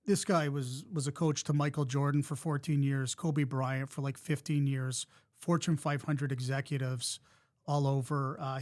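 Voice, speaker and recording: A man hosting a podcast, talking in an encouraging, reflective way with frequent restarts. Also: mid-range voice. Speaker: podcast host. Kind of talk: casual interview talk.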